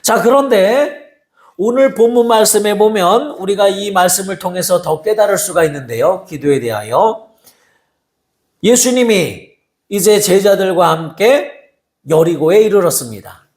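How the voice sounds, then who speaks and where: High-voiced soft-spoken male pastor preaching. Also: unhurried, echoey room. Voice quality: soft-spoken, by his own account. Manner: animated storytelling, acting out voices from the story. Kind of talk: sermon.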